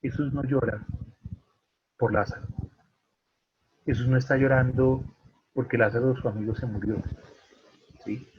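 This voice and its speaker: A man leading an online Bible study, animated and asking the group questions, with a husky, breathy voice over a video call. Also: medium pitch, unhurried, long pauses, muffled recording.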